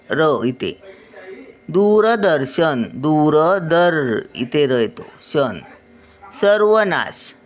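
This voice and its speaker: An older woman, a grandmother figure, patiently teaching children a spelling lesson and breaking words down syllable by syllable. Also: low voice.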